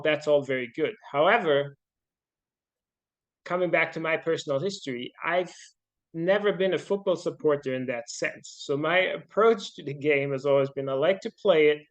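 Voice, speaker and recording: A middle-aged man from Austria, a podcast guest talking casually and thoughtfully, with many fillers and restarts. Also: fairly high pitch. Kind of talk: casual interview talk.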